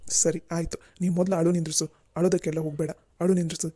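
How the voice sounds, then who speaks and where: A gentle young husband from a cartoon, a schoolteacher who forgives without fuss, as a voice actor plays him. His tone is dark and mellow and stays level and flat. He speaks in a calm, reassuring way. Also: mid-range voice, fast, close to an everyday voice. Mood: soothing. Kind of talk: Kannada cartoon dubbing.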